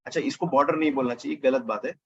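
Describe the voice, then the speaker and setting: A man's voice: mid-range voice, steady tone, racing, creaky, husky, highs cut off. A man teaching a casual coding lesson over his screen, thinking aloud and correcting himself as he goes. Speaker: programming teacher.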